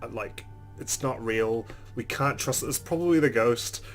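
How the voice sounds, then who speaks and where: A man's voice: medium pitch, moderate pace, faint music behind. A man hosting a let's play, reading visual novel narration aloud and adding casual asides. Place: recorded voice-over with game music behind.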